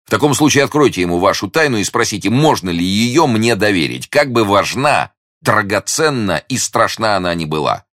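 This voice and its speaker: A man's voice: fairly low pitch, sing-song, moderate pace, fairly bright tone, no room sound, clean studio sound, voice pushed up. A man voicing a brave, hot-headed young male swordsman in love, speaking ardently and exclaiming often.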